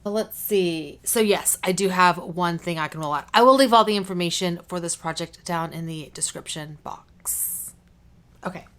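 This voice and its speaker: With a cough drop in her cheek and a bit of congestion, this woman vlogs about beauty in a chatty, informal way that often strays off topic. Her voice is fairly low and fairly bright, and she keeps a moderate pace.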